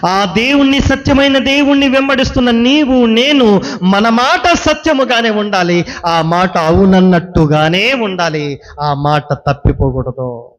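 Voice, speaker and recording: A man with a high, ringing voice delivers a sermon. He hammers home each point by repeating his phrases and turning questions straight at the listener. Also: unhurried. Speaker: preacher.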